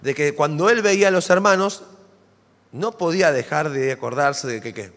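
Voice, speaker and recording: A man with an Argentine accent preaching a sermon in a church, dramatic and animated, full of rhetorical questions. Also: a little high, normal speed. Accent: Argentine Spanish. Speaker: pastor. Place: church sanctuary. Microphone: stage microphone. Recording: long church hall reverb.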